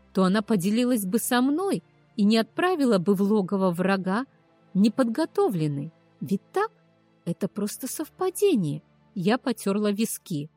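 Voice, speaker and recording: A woman's voice: a little high, darkish tone, no echo. A woman narrating a first-person story expressively, rising on anxious questions. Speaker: audiobook narrator.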